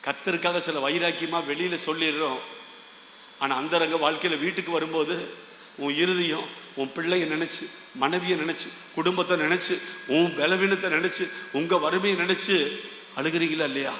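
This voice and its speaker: A pastor preaching a sermon with passion and giving voice to the prayers of people who suffer. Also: male voice, on the high side, fairly even intonation, moderate pace, pushed and bright. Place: church hall. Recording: echoey church hall with long reverb, faint background noise.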